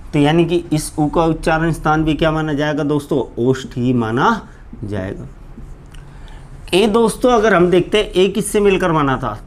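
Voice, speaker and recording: A man teaching Hindi grammar in a live online class, asking his students questions and answering them himself, often calling them "friends". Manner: keeps repeating "friends" to address students; drops low and slow on each answer. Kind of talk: live online exam-prep lecture.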